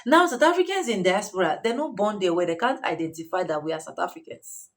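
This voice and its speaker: An emphatic woman hosts her commentary show and talks straight to her viewers. She repeats phrases to drive her points home, and her voice sits at an ordinary pitch. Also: expressive, fast. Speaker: commentary channel host.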